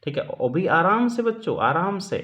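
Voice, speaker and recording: This teacher's voice is high, a bit bright, and very animated, moving at a moderate pace. He explains a text to his class step by step, answering the questions he raises and repeatedly checking in with students, all captured in dull lo-fi audio.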